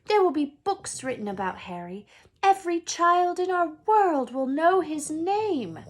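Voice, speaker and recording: A woman's voice: extremely high pitch, very animated, a little slow, pitched above the performer's own voice, heavily acted. A woman voicing a stern, anxious older witch professor from a storybook, emphatic and incredulous. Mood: indignant.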